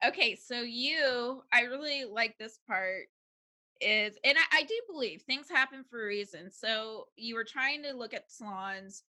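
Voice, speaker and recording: A woman's voice: fairly high pitch, unhurried, pushed and bright. A woman hosting a podcast interview, encouraging her guests with frequent "mm-hmm"s. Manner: encouraging, many "mm-hmm" backchannels. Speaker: podcast host. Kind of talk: casual interview.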